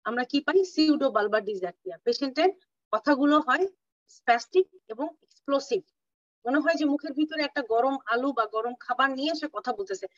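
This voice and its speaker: A woman gives an online clinical lecture, slowing down to spell out medical terms and stopping to ask if everyone follows. She sounds set back from the mic on a dull, lo-fi call with a dry, dead sound. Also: high-pitched, expressive, no echo. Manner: explains terms slowly, mixing English terms, checks understanding. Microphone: video call. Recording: distant, dull lo-fi audio, dry.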